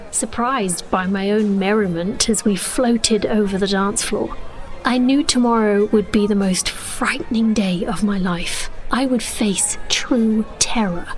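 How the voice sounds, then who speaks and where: An actress narrates a fantasy audio drama as an earnest, romantic young sorceress princess, using an expressive, breathy delivery in a natural, mid-range female voice. Her mood is hushed and yearning, and the recording is rough.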